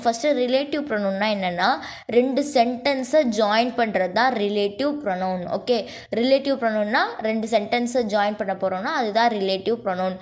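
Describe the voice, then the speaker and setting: A woman teaching a grammar lesson over slides. She explains step by step, checks in with "okay?" and slows down to dictate word lists. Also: a little high, a little mellow. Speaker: English teacher.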